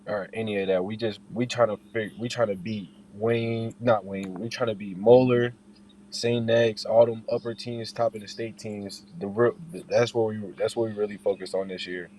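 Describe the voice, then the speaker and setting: A man's voice: fairly low pitch, little pitch movement, moderate pace, mellow, a little hiss or hum, rough recording. A young man speaking as an interviewed basketball player, in an informal way, often repeating and rephrasing his points. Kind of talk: casual interview chat.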